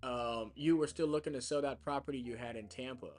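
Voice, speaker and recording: This man's voice is mid-range and somewhat dark, and he speaks briskly. Streaming his real estate cold calls live with music behind him, he casually explains his work as he goes, using many fillers and restarting often.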